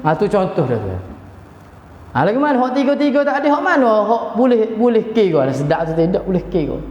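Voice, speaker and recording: A man's voice: high voice, very animated, fairly quick, a little mellow. A man with a Kelantanese Malay accent teaching a Quran class in a chatty way and chanting short passages to show how they are recited. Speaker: religious teacher. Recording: echoey hall, dull lo-fi sound.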